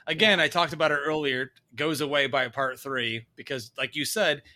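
A man's voice: on the high side, steady tone, moderate pace, sharp tone. A man co-hosting a podcast, recapping a movie in a blunt, joking way. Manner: joking, blunt, restarts sentences. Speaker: podcast co-host. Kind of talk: casual chat recapping a movie.

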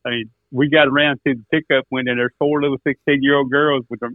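A man's voice: medium pitch, level tone, fast talker, no echo. A middle-aged or older man with an Arkansas Southern accent and a folksy drawl, telling stories casually as a guest. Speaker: guest, duck caller and turkey hunter. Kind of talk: casual storytelling interview. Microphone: remote phone call. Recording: tinny, narrow phone line.

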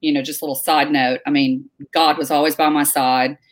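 This middle-aged woman from North Carolina has a deep voice and talks fairly quickly as a guest in a laid-back interview. She's an animated storyteller who fills her speech with fillers and restarts.

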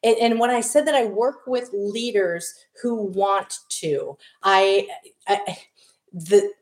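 This Wisconsin-accented guest, a middle-aged diversity consultant from Wisconsin, USA, talks slowly in a steady, mid-range voice. Casual and self-deprecating, she keeps starting her sentences over during the interview, recorded in an echoey room.

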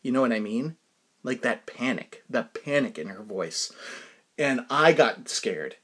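A man's voice: mid-range voice, lively intonation, measured pace, fairly bright tone. A man telling a personal anecdote in a casual, rambling way, full of restarts and asides to his listeners. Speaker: storyteller.

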